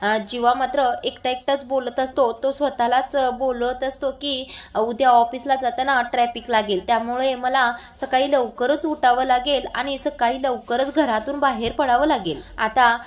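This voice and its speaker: A woman's voice: sits high, fairly even intonation, moderate pace. A woman narrating a recap of a TV serial episode, telling the scenes step by step with frequent uh fillers.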